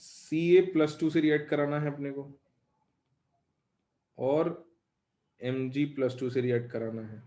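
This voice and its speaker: A male chemistry teacher giving a live lecture, dictating questions slowly and chatting with his students. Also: mid-range voice, steady tone, dark tone, echoey room.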